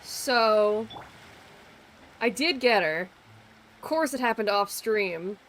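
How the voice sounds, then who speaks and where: The audio is poor, but her medium-pitched, slightly bright voice comes through with lively intonation at a slow pace. She's streaming a game, rambling casually, teasing and swearing a bit, with music underneath.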